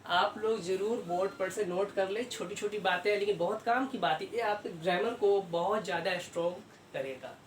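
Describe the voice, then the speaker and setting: A male teacher explains grammar at a board, pausing to ask rhetorical questions and answer them himself, and stretching out key terms. His voice rings around an echoey room, and he sounds some way off from the mic. A faint hiss runs underneath. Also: high-pitched, recorded from a distance. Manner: repeats key terms slowly.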